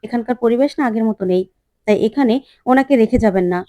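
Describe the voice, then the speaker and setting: A woman's voice: fairly high pitch, quick pace, mellow, dry recording, lightly acted. A woman reading the lines of a defiant, guarded young woman in a retold TV serial.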